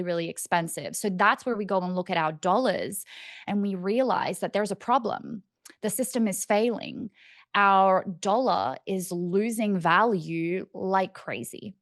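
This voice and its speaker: A young Australian woman in her twenties or thirties, a financial educator on cryptocurrency, explains things casually as she thinks aloud. Her voice is on the low side, captured as clean studio sound with no room ambience.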